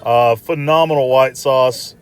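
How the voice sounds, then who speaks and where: A man's voice: medium pitch, steady tone, a little slow, clear, resonant tone. A man giving casual, chatty voice-over commentary as a restaurant review vlogger, repeating himself informally.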